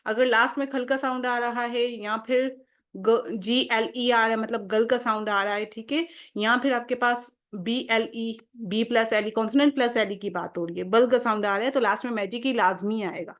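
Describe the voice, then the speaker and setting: A slightly high-voiced young woman gives a home-schooling phonics lesson. She breaks each word into single letter sounds, drawing them out slowly. She pauses often to ask whether it is clear. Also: fairly even intonation. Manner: often checks with "okay?". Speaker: phonics teacher.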